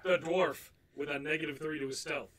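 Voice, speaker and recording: A man's voice: a little high, fairly even intonation, brisk, a bit bright, slight background noise. A man bantering casually as a player in a tabletop role-playing game.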